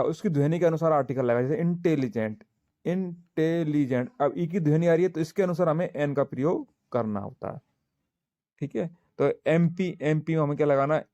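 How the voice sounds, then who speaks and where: A man teaching an exam-prep grammar lesson, slowly walking through examples and answering his own questions. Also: a little high, mellow, no room sound.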